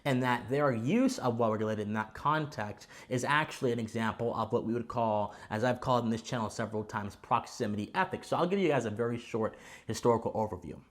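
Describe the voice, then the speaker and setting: A man's voice: medium pitch, brisk. A man hosting a commentary channel, explaining to viewers in a didactic, formally worded way with emphatic stress on key words. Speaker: host of a political commentary channel.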